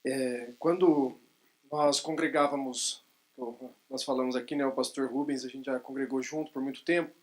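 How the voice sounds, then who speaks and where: A man pastoring a church, speaking slowly and reflectively about his past congregation. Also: mid-range voice, fairly even intonation. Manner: slow, reflective, recounting church routine. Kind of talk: sermon.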